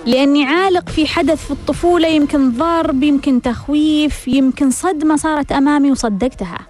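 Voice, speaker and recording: A woman's voice: high voice, fairly quick, darkish tone, soft background music. A woman hosting a self-help radio talk, asking rhetorical questions and repeating them for emphasis. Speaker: radio host.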